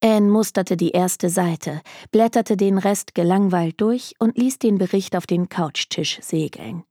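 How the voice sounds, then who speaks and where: In a mid-range voice, a woman audiobook narrator reads a novel from a script in a calm, measured storytelling manner. The recording is dry and of studio quality.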